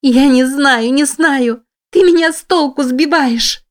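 A woman voicing a frightened young woman who pleads in a high, panicked voice. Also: slow.

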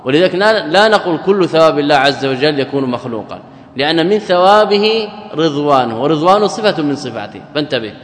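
A man lecturing on a religious text, his voice a little high for a man, carried on a long hall reverb. He quotes a passage, then glosses it step by step, asking and answering his own questions as he teaches. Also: expressive, quick pace. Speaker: Islamic scholar teaching a text. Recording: echoey hall recording.

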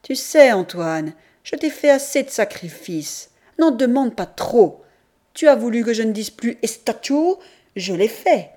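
A woman's voice: on the high side, lively intonation, unhurried, warm tone. Woman voicing a defiant scolding country mother. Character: proud sharp-tongued rustic mother, middle-aged woman. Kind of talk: audiobook character reading.

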